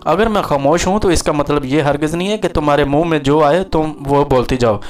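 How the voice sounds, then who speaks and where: A man reading the lines of a calm, dignified young wife who speaks with restrained firmness, in a storybook narration. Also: on the high side, brisk, natural voice. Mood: firm restrained. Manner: restrained, firm.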